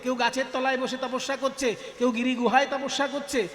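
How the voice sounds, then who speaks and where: A man's voice: extremely high pitch, little pitch movement, a little fast, a bit bright. A man speaking, a kirtan singer giving a devotional discourse, playfully quizzing the audience as he explains. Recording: echoey hall with music.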